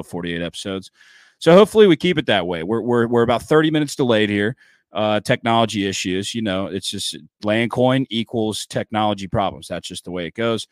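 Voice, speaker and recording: A young man hosting a casual podcast, excitable and loud, rambling and swearing freely. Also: on the low side, no room sound, studio quality. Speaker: podcast host.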